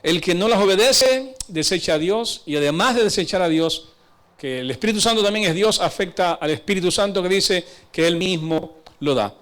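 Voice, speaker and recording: A preacher with a notably high voice delivering an emphatic sermon. He exhorts his listeners and keeps checking in with them through questions. His delivery shifts between urgent stretches and slower, quieter passages. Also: lively intonation.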